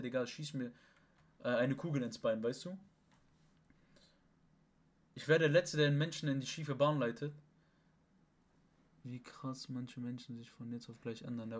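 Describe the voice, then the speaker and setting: Young man, rambling, emphatic, casual venting, medium pitch. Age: young adult. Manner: rambling, emphatic, repeats oaths and restarts. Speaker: livestream host. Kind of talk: casual venting to an online chat partner.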